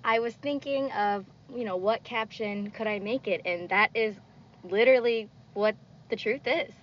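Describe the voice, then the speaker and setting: A woman speaks in a dry, matter-of-fact way during a casual podcast chat. Her voice is at a middle pitch. The recording is dull, with a faint hiss. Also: normal speed. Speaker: speech pathologist guest. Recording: dull lo-fi sound with faint noise.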